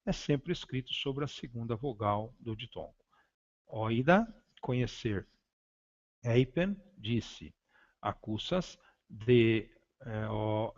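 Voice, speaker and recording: A man at an ordinary mid pitch teaches a grammar class, working slowly and deliberately through each point. He hesitates often and restarts words as he reads from his slides. The recording sounds dull and lo-fi. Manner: slow, deliberate, spelling out words with frequent hesitations. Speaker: Greek teacher. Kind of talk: grammar lesson reading from slides.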